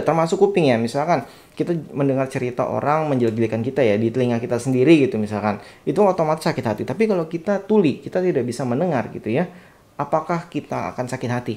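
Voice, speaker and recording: A man's voice: mid-range voice, animated, fast talker, warm tone. A young man hosting his own channel, telling a personal story in a chatty, reflective way and speaking directly to his viewers. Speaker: satellite dish installer and channel host. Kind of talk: casual storytelling vlog.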